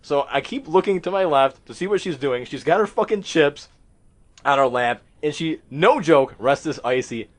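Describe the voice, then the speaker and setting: A man's voice: on the high side, lively intonation, normal speed. A man hosting a podcast, telling a story among friends in a casual, profane, self-mocking way.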